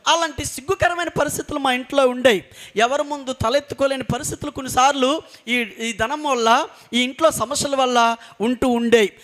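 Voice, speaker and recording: A preacher with an unusually high voice for a man. He shares a sermon testimony in an earnest storytelling way, driving his points home by repeating phrases. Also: fairly quick, a bit bright. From coastal Andhra Pradesh, India. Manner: earnest storytelling with emphatic repetition.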